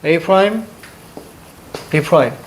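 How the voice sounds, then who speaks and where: Emphatic high-voiced male teacher, drilling questions. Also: expressive, takes it slowly, a little hiss or hum. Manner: drilling with constant rhetorical questions; emphatic, barking short commands. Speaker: Korean reading teacher. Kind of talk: classroom lecture. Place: classroom with a blackboard.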